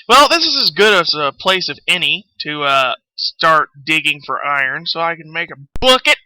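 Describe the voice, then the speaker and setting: A game streamer hosts a livestream, rambling casually while he plays, swearing and poking fun at himself. His slightly high voice is sing-song, bright and forceful at a normal speed, with no echo but poor audio.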